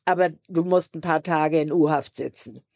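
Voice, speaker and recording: A woman voicing a cool, condescending male undercover cop, her voice lowered and calm. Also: normal speed, vocal fry, no echo, studio quality.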